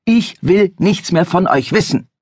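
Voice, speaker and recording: A woman voicing a furious, grieving middle-aged village father who shouts, agitated and breathless with rage. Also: lowish voice, expressive, a little slow, husky, no room sound, clean studio sound, pitched above the performer's own voice. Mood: angry.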